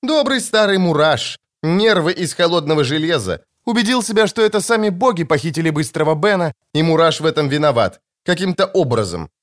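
A man voicing a gruff female corporal who barks and scolds her squad. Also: on the high side, very animated, brisk, hardly any pauses, voice pushed up. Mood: sardonic. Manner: barking, scolding.

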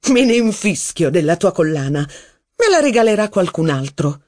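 A man's voice: big pitch swings, moderate pace, darkish tone. A man voicing a capricious, mocking young actress in an audiobook reading. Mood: scornful. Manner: shrill, sarcastic, theatrical. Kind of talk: audiobook character voice.

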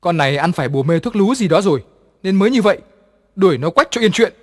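A man voicing a cruel, two-faced young daughter-in-law in a read horror story, giving sharp, bossy commands. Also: a little high, normal speed, natural voice. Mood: dismissive. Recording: long reverb.

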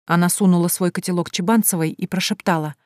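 A woman narrating an audiobook in steady scripted storytelling. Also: fairly low pitch, fast talker, dry recording, clean studio sound.

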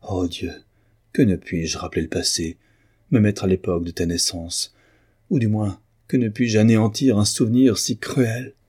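A man's voice: fairly low pitch, fairly even intonation, moderate pace, darkish tone, slightly rough. A man voicing an anguished, remorseful aristocratic father in a novel reading, speaking in passionate, tormented outbursts.

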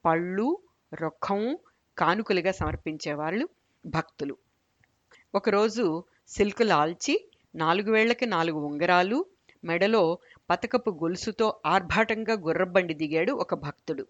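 A woman narrating a story in a measured, wry manner. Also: on the low side, no room sound. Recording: dull lo-fi recording.

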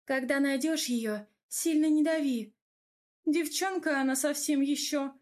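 A woman's voice: high voice, a little slow, voice pushed up. A woman voicing a sly, sarcastic female neighbor with a teasing manner in an audiobook. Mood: calm. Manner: mocking, teasing.

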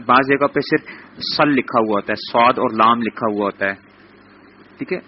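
Man teaching a class, steady voice, often checking that students follow, muffled lecture recording. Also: fairly high pitch, slight background noise. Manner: repeats "theek hai" as a check-in; explains slowly, spelling out letters. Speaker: Quran teacher. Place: lecture room.

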